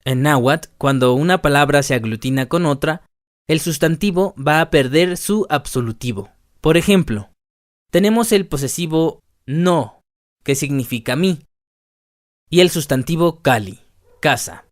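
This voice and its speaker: Slow, deliberate male teacher. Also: a little high, lively intonation, dry recording, studio quality. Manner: slow, deliberate reading of word lists. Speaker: language teacher. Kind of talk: scripted lesson narration.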